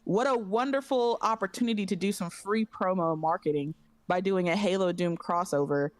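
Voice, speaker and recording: A woman hosting a casual gaming podcast, ranting in an animated, exasperated way with stammered, repeated phrases. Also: mid-range voice, normal speed, no room sound. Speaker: podcast host.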